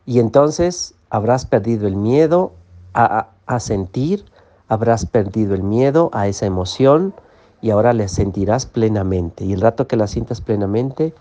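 Guy with a lowish mellow voice, calm teacher vibe, keeps checking in w/ listeners. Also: moderate pace, muffled recording. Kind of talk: guided emotional-awareness teaching.

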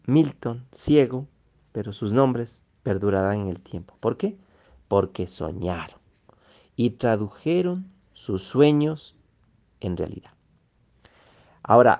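A man with a warm, mid-range voice gives a motivational lecture. He speaks emphatically, repeats key phrases and checks in with his listeners.

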